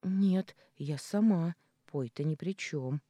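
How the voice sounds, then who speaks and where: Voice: medium pitch, takes it slowly, warm tone, no room sound. Reader voicing a frightened young heroine. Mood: pleading.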